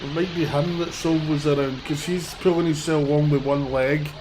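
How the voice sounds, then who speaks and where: Out on a city street with a handheld phone, a sniffly man with a cold streams live, talking bluntly and meandering as he goes. He speaks at a moderate pace in a fairly high voice, his intonation fairly even, while heavy traffic roars behind him.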